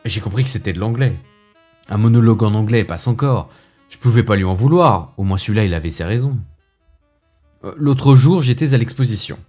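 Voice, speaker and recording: A man playing a fussy, indignant gentleman who rants with theatrical asides, as in a comic stage monologue. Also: lowish voice, expressive, fairly quick, soft background music, pitched above the performer's own voice. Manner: huffy, ranting, theatrical asides.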